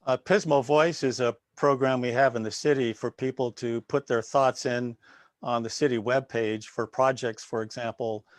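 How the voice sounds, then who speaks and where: A man speaking as the sitting mayor at a candidate forum, plain-spoken and filling pauses with "uh". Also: medium pitch, steady tone, dry recording.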